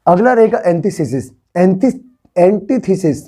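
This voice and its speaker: A man's voice: sits high, lively intonation, moderate pace, warm tone. A young man teaching a vocabulary class, repeating words and coaxing his students to say them back. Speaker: English teacher.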